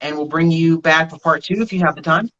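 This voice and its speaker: A man's voice: fairly high pitch, brisk, bright, forceful tone, highs cut off. A man hosting a casual interview, easygoing and swearing lightly while he plugs the show. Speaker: podcast host.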